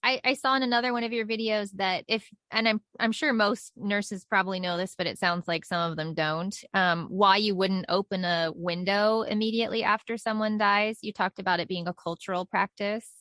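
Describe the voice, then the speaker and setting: Bright-voiced woman interviewer, dry sound. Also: mid-range voice, steady tone, moderate pace, few pauses, dry recording. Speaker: interviewer, host. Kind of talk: conversational interviewing.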